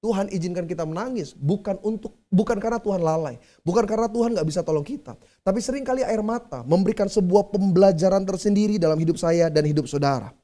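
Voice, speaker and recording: A man's voice: sits high, fast, dark tone. A male pastor preaching a sermon in a conversational way, speaking directly to his congregation.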